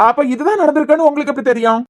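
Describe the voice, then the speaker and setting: A woman's voice: high voice, very fast, natural voice. A woman voicing a sarcastic young man in a cartoon serial, with a Kanyakumari Tamil accent. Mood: sly. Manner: sarcastic, needling questions. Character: shrewd sarcastic young man probing family.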